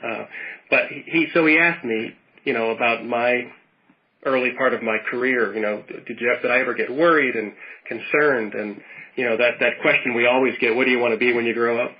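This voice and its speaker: A man's voice: medium pitch, fairly even intonation, brisk, highs cut off. A man in his fifties from Western Pennsylvania chatting casually as a podcast co-host, rambling through his thoughts with many restarts. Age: 50s. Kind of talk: casual chat.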